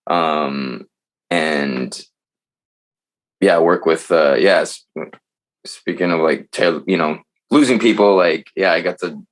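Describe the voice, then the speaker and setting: A man with a fairly low voice tells stories as a podcast guest in loose, casual talk. He is animated and swears freely. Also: slow pace, pauses often. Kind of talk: casual chat.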